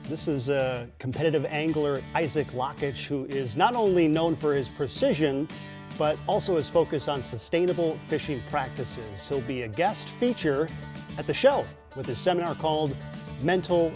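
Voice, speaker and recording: A man's voice: on the high side, moderate pace, music in the background. A man hosting a local TV morning segment, upbeat and conversational. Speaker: TV news host. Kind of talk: TV interview.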